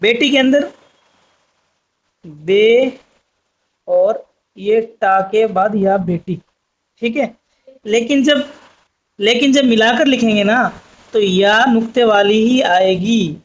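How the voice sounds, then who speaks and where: A man's voice: sits high, takes it slowly, pauses often, highs cut off. A man teaching Urdu script, patiently spelling out letters one by one. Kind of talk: slow spoken writing lesson.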